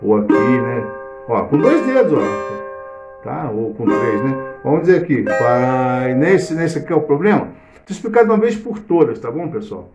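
A man's voice: medium pitch, big pitch swings, moderate pace, music in the background. A middle-aged man with a Brazilian Portuguese accent, teaching cavaquinho in a casual live lesson, explaining theory while he plays. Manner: chatty, explains theory while playing, hums and sings snippets. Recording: echoey room with loud cavaquinho playing.

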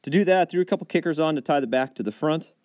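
A man's voice: a little high, rapid-fire, a little mellow, no room sound. A man gives a plain step-by-step voice-over of his building work. The recording is dry and close, with no room sound around his voice. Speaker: DIY barn builder. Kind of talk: voice-over narration.

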